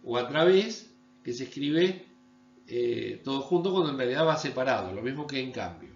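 A man's voice: animated, moderate pace. Lecturing Argentine man, echoey lo-fi room. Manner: didactic, checks understanding with "¿sí?". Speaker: university lecturer. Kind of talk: recorded online lecture. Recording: echoey room, dull low-fi sound with mains hum.

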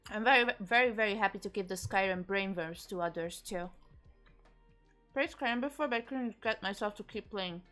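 With faint background music playing, a young woman streamer talks in a medium-pitched, slightly bright voice at a normal speed. She eats as she reads chat and responds, giggling frequently in a casual way.

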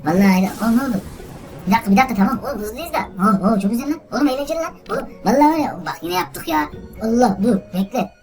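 Very fast excitable gaming host woman. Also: on the high side, music in the background. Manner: excitable, exclaiming, talks straight to viewers. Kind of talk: let's play commentary.

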